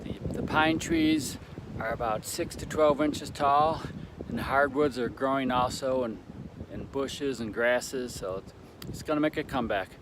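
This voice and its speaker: A man giving a casual, unscripted hiking update outdoors, rambling along with halting pauses. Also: mid-range voice. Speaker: hiker vlogger on a long trail. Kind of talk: casual, unscripted trail vlog. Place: outdoors on a mountain trail. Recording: outdoor ambience with clear background noise.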